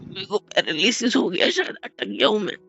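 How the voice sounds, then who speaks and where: A man's voice: sits high, expressive, brisk, creaky, sharp tone, dull audio, faint music behind, exaggerated voice. A man playing a flustered young husband in a comedy sketch, stammering out pleading excuses.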